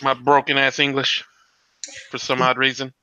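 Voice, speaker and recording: A man with a medium-pitched monotone voice speaks at a normal speed, his tone sharp and clean with no room sound. He's a laid-back guest cartoonist on a casual stream, joking and a bit hesitant, heard through a dry, dull lo-fi mic.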